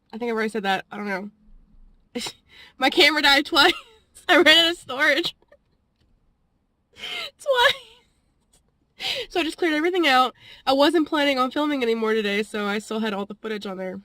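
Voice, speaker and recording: Young woman vlogger, rambling chatty storyteller who laughs between phrases; bright, forward voice, a touch high, very dry close sound. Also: dry recording. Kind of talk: casual storytelling vlog.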